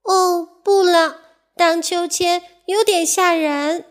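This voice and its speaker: A woman voicing a small, fearful little mouse in a children's storybook, with a squeaky, hesitant voice. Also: fairly even intonation, slow pace. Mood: timid. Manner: squeaky, hesitant, high-pitched.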